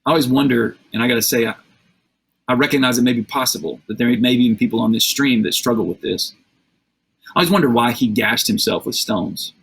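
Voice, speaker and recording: Husky-voiced male preacher telling a story. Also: medium pitch, a little fast, a bit bright. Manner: conversational, vivid storytelling with rhetorical questions. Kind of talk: livestreamed sermon.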